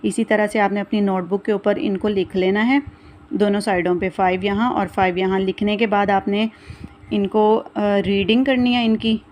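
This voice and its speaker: A woman's voice: medium pitch, level tone, darkish tone, a little hiss or hum. Patient woman teaching children. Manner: patient, slow, spelling words out sound by sound with frequent "theek hai". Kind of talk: recorded classroom lesson for young children.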